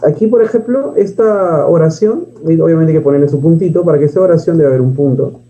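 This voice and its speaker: A man's voice: fairly high pitch, fast. Dull-sounding man teaching grammar. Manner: asks and answers his own questions, reads poems aloud. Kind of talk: grammar lesson.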